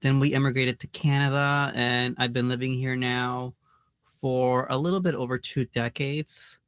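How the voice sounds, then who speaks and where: A man's voice: medium pitch, fairly even intonation, normal speed, a bit bright, clean tone, no room sound. Bubbly Mexican-born man streamer. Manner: bubbly, upbeat greetings. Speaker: streamer, panelist. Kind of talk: casual online panel chat.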